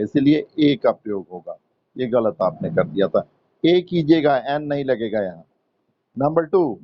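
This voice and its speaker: Slow, patient male teacher. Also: medium pitch, no room sound, dull audio. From India. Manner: slow, patient, repeats and quizzes students. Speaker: English teacher. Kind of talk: Hindi-English grammar lesson.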